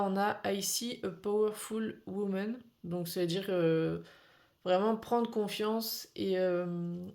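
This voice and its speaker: A French woman hosts a relaxed weekly card reading, talking at a slow, unhurried pace. Her voice sits a little low. She pauses often with fillers and starts her sentences over. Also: vocal fry. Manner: hesitant, many fillers and restarts. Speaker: tarot card reader.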